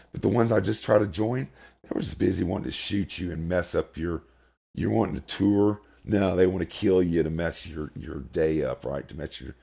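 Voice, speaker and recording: Deep, mellow, crackly and gravelly, the voice belongs to a middle-aged gaming video host recording indoors at home. He rambles through casual game commentary, tends to repeat words, and swears when he gets annoyed.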